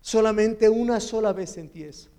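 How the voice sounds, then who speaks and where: A Mexican man tells his church testimony in a heartfelt, tearful way. His voice sits fairly high for a man but sounds dark and mellow, with a rough, gravelly grain. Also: normal speed. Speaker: church member giving testimony. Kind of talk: emotional personal testimony.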